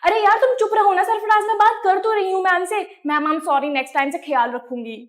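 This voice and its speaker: Young woman doing comedy skits, very high voice, cheeky and playful. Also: brisk. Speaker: comedy skit creator. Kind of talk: comic skit acting.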